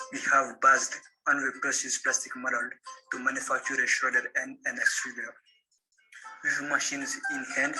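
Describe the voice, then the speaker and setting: A man with a Malian accent narrates a scripted explanation in a steady reading voice. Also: mid-range voice, low-quality recording.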